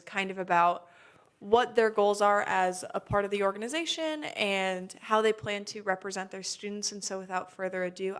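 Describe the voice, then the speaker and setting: A woman's voice: medium pitch, a bit bright. A young woman in a student senate meeting, chatting in a friendly way as she introduces nominees and asks them questions. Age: young adult. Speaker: senate speaker presenting nominees. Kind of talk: formal meeting remarks.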